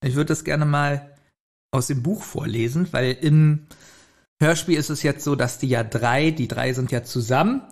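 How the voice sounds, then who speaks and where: A man's voice: mid-range voice, normal speed. A man co-hosting a podcast, comparing a book with its audio drama in casual, thoughtful talk that breaks into incredulous laughter. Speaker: podcast co-host. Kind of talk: casual episode discussion.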